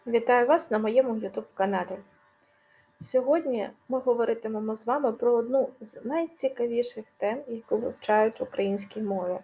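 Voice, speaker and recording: A woman teaching a scripted video lesson with a slightly high, gravelly and mellow voice. She explains each point clearly and leans on the example words. The recording sounds dull and lo-fi. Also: moderate pace. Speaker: language teacher.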